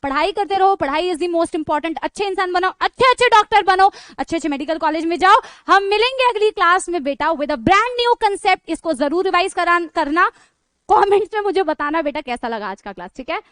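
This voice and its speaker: Woman, Indian accent, online teacher, playful storytelling, very high voice, dry close sound. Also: fairly quick, no room sound. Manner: animated and playful, laughing and teasing, calls students "beta". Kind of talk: storytelling to students in an online class.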